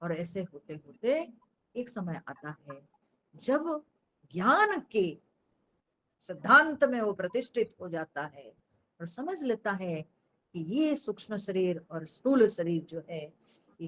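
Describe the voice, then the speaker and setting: A woman's voice: medium pitch, very animated, slow pace, a bit bright. A woman teaching in a spiritual discourse, explaining patiently, asking rhetorical questions and dropping in English phrases.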